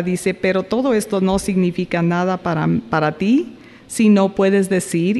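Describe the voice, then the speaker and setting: A man with a high voice leads an informal Bible class, reading passages and asking the group questions as he goes. The room has a long, lingering reverb behind his voice. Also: creaky, darkish tone. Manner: asks the group questions, pauses and self-corrects. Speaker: Bible study teacher.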